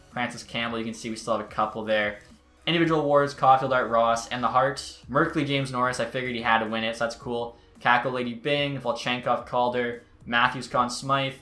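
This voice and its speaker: A man's voice: mid-range voice, bright, forceful tone. A man giving casual gameplay commentary as a YouTuber, chatty with exasperated outbursts. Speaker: gaming YouTuber. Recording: roomy echo.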